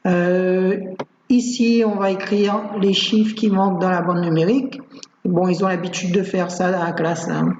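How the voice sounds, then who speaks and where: A woman teacher calmly walks parents through worksheets and a learning game, patient and hesitant, with many fillers. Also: on the low side, a little hiss or hum. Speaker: primary school teacher. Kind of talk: explaining worksheets in a screencast. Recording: roomy, dull lo-fi home recording.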